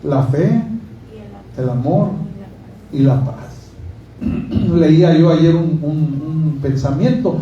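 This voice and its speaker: A man preaches in a chatty, joking way, asking the congregation questions as he goes. His voice sits high and mellow. He is heard from a distance in a very echoey church hall, with faint noise behind him. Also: slow pace, pauses often, lo-fi sound. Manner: conversational preaching, asks the congregation questions, jokes. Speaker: pastor. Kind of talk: sermon.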